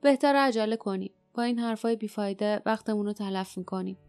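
A woman's voice: medium pitch, a little mellow, clean tone, dry recording, soft background music, lightly acted. A woman reading a tough, sorrowful wild young girl in an audiobook, speaking bluntly and clipped.

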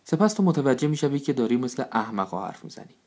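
A man's voice: mid-range voice, big pitch swings, a little mellow, voice pushed up. A man voicing the clever, practical wife of a foolish council head in a storybook reading, speaking in a matter-of-fact way.

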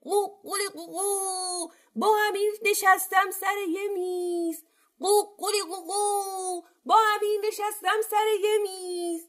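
Boastful storybook rooster, shrill and crowing, drawn-out calls, voiced by a woman. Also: steady tone, a bit bright. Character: boastful defiant rooster, male, never admits defeat.

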